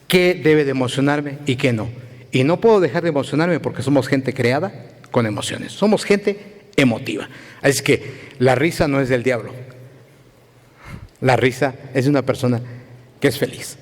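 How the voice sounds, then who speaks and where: A man's voice: fairly high pitch, a little mellow. Preaching man in a reverberant hall. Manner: emphatic preaching with repeated rhetorical questions. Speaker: pastor. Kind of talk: sermon. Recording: long reverb of a large hall.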